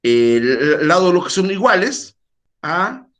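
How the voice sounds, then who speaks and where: A man's voice: sits high, sing-song, takes it slowly, fairly bright tone. A man teaching a math class over a video call, quizzing his students and making chatty asides.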